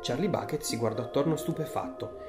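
A narrator reading a children's book aloud in an expressive, lively way. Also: mid-range voice, brisk, over music. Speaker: audiobook narrator. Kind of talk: storybook read-aloud narration.

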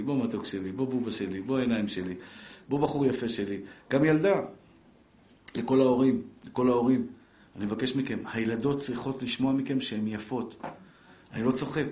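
A middle-aged man giving a live religious lesson, lively and joking, speaking straight to his listeners and acting out family scenes. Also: mid-range voice, slight background noise. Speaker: Torah teacher. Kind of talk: live Torah lesson to an audience. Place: class room with a live audience. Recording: echoey room.

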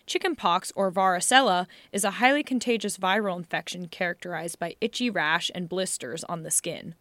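A woman co-hosting a podcast, reading scripted narration in a measured, deadpan manner. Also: on the low side, dry recording. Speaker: podcast co-host.

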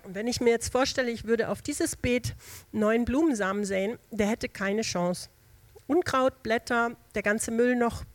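A woman's voice: fairly high pitch, no room sound. Woman giving a homely, chatty sermon. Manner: homely, conversational, with everyday examples and fillers; restarts and hesitations. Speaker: lay preacher. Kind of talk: informal sermon.

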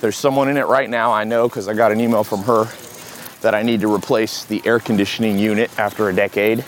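An American man hosting a podcast in casual solo talk while walking briskly outside. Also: lowish voice, fairly even intonation. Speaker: podcast host. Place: outdoors in a city park, on the move. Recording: outdoor city noise, traffic hum. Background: street and outdoor city ambience with vehicles.

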